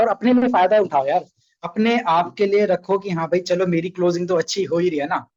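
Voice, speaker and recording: A man's voice: high-pitched, warm tone, highs cut off. A young man runs a casual online sales training session, chatty and coaxing, often asking his listeners questions.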